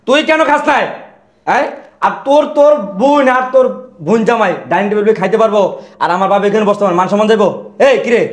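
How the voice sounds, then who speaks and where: An actor playing a hot-tempered husband who rough-talks and scolds his wife and her relatives over his father. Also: sits high, fast, echoey room, close to an everyday voice. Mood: angry scolding. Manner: shouting, scolding, rough colloquial speech. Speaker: angry son defending his father.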